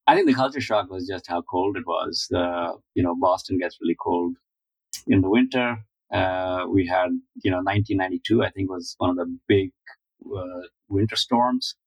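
A man in his forties from India speaks in a low, unhurried voice, pausing often with fillers as he answers. The recording is close and dry, with no room sound. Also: gravelly, husky, no room sound, rough recording. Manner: measured, thoughtful, many uh fillers. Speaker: guest, finance founder. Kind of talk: interview answers.

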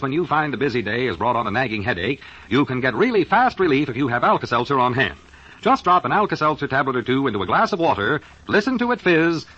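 Old-time radio announcer, a man with animated pitch. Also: slightly rough. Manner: polished, emphatic sales delivery. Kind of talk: 1940s radio announcer, scripted ad copy and program sign-off. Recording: scratchy, muffled 1940s radio broadcast.

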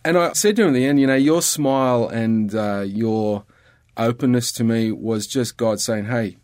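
A man's voice: medium pitch, normal speed, darkish tone, no room sound. A middle-aged Australian man with an Australian accent, talking earnestly and reflectively as a podcast guest. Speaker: guest, ministry worker. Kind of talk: casual conversation.

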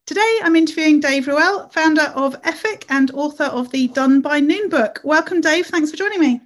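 Fairly high-voiced woman hosting an interview. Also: moderate pace, noisy background. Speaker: interviewer, host. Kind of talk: conversational interview.

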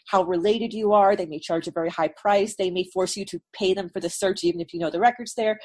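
Slightly husky woman from New York, emphatic. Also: medium pitch. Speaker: interview guest, nonprofit founder. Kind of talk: conversational storytelling.

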